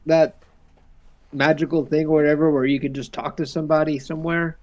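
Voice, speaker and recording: A man's voice: fairly high pitch, little pitch movement, quick pace, a little mellow. A man playing in a tabletop game, talking casually and hesitantly with stammered restarts. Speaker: player.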